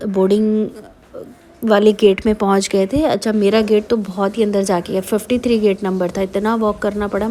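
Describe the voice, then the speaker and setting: A woman tells her travel story in a chatty, casual vlog voice-over. She talks as a mother, loosely and warmly paced, with frequent fillers and English words mixed in. Her pitch is ordinary for a woman. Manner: chatty, with many fillers and Hindi-English mixing. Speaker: vlogger mother.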